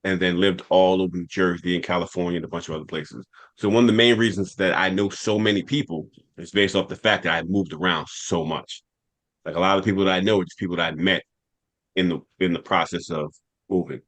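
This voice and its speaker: Speaking briskly in a low, steady, slightly bright voice, a New York-accented American man hosts a podcast and casually rambles through a personal childhood story.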